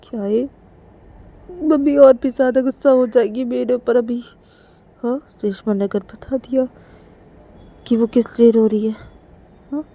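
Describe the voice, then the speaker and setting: A woman's voice: fairly high pitch, fairly even intonation, a little slow, pauses often, dark tone, voice pushed up. A woman voicing a frightened young woman who frets and repeats herself while dreading her angry mother. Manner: panicky, fretful, repeating herself. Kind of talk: storytelling in voices.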